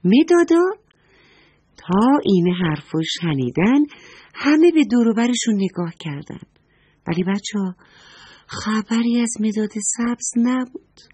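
A woman's voice: mid-range voice, animated, dark tone, slightly rough, no echo. A woman reading a story aloud to young children, talking to them fondly and asking them questions. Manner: affectionate, asks the children questions.

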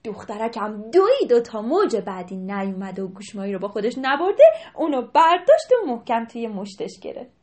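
A young woman narrates a story for children in a high, lively voice that swoops up and down. She grows animated and now and then drops to a hushed whisper for effect. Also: hardly any pauses.

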